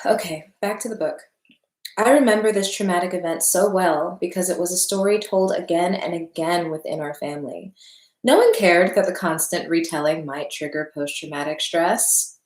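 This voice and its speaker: A woman's voice: on the low side, animated, normal speed, a little mellow. A woman reads a book aloud, sighing often and breaking off for chatty asides to her viewers. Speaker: book reader and commentator. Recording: roomy echo.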